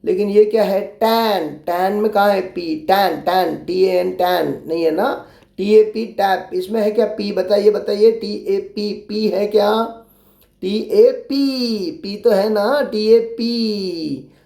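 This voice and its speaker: A man's voice: high voice, steady tone, unhurried, creaky, dark tone. A man teaching young children, patiently spelling out letters and repeating his prompts. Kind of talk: explaining a workbook lesson to young children. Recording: roomy echo.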